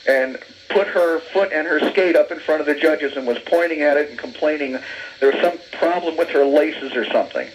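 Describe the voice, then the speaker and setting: Male radio caller over the phone, slightly high voice, walks through events step by step with fillers, faint hiss. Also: a little fast, rough recording. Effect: heard over the phone. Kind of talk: casual eyewitness account on air.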